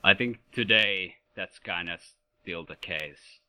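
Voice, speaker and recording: A man's voice: sits low, slow pace, bright, forceful tone. A man from Sweden answering interview questions as a competitive player, with dry humor. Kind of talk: casual interview.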